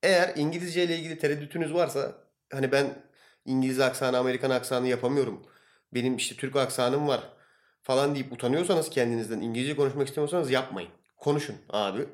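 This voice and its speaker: A man's voice: mid-range voice, fast. A young man co-hosting a casual chat podcast, jokey and chatty, calling his friend "abi". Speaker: podcast co-host.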